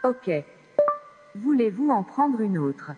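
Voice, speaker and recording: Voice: mid-range voice, sing-song, slow pace, over music. A text-to-speech voice playing a friendly, helpful companion robot, giving polite, chirpy scripted replies during a live stage demo. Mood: cheerful. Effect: synthetic text-to-speech robot voice from a small speaker. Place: event stage in a large hall. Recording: long hall reverb, airy tone.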